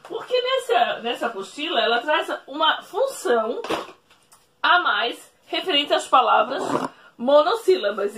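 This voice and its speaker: A woman teacher explaining a lesson at a whiteboard, speaking slowly, repeating each rule and checking in with the class. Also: sits high, fairly bright tone. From Brazil. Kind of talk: recorded remote classroom lesson.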